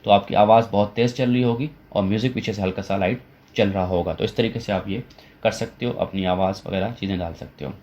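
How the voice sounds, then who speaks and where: A man talking through a software tutorial step by step, with frequent fillers and restarts as he goes. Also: on the low side, steady tone. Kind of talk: screen-recorded software tutorial.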